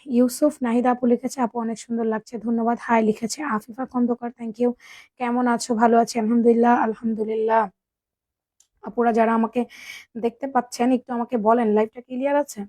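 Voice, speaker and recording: A woman with a sore throat hosts a live clothing sale. Her voice sits high and she talks fast and chatty. She greets viewers by name, and the sound is close and dry, with no room echo. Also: level tone, dark tone. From Bangladesh. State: sore throat, speaking softly. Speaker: online clothing seller. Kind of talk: live sales stream.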